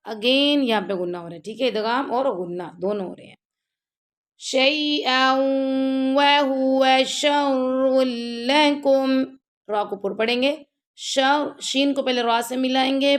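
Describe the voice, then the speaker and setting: A woman teaching Quran recitation step by step, reciting verses slowly and drawn out, then briskly explaining the rules. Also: a little high. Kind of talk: step-by-step tajweed lesson.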